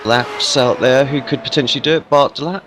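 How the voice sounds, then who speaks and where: A man doing casual live race commentary in a hungover voice. His pitch sits mid-range, and there is clear noise with vehicle sound behind him. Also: fairly even intonation, a little fast, a bit bright.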